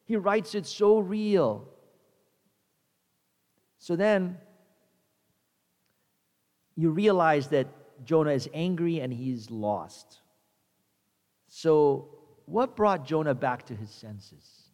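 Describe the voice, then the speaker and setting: A man's voice: a little high, animated, very slow, pauses often, a little mellow, long reverb tail. A male pastor preaching a conversational sermon, repeating himself and acting out the characters.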